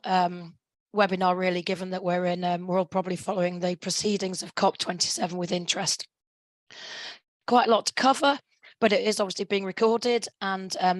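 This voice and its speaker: A woman in her fifties presents a webinar lecture in a croaky, medium-pitched voice because she is losing it. She speaks in a measured way, hesitating and clearing her throat. The recording has no echo but is low quality.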